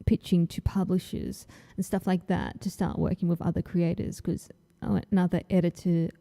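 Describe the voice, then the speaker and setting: An Australian woman chats casually on her livestream in a dark, gravel-edged voice that sits a touch low. She takes her time, unhurried and a little nervous, with plenty of ums between thoughts. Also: little pitch movement. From Tasmania, Australia. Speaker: comic artist hosting her launch stream. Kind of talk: casual livestream chat while drawing.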